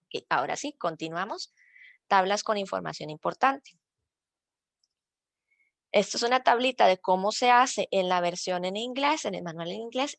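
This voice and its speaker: A woman's voice: medium pitch, no echo. A woman from Rica, a librarian patiently explaining citation rules step by step in an online workshop. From Costa Rica. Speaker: librarian teaching citation style.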